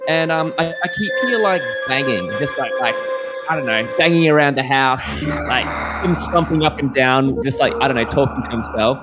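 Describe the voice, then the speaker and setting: A young man, co-hosting a podcast and telling a story in a rambling way, full of fillers and loud acted-out quotes. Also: mid-range voice, moderate pace, over loud music. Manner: rambling, lots of "like", acts out quotes loudly. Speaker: podcast co-host. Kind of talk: casual podcast chat, storytelling.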